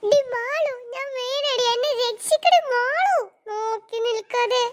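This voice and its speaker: A woman's voice: extremely high pitch, unhurried. A woman voicing a bossy elder-sister cartoon girl who wails and complains. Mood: wailing. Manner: wailing, complaining. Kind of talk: cartoon voice acting.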